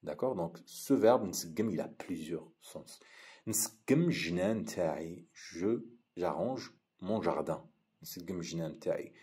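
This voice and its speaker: A man with an Algerian accent teaching a language lesson, saying each phrase, repeating it slowly and explaining it. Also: low voice, warm tone.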